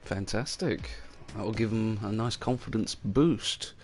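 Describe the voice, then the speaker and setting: A man commentating a sim racing league with excitable, exclamatory calls. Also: fairly low pitch, measured pace. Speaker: race commentator.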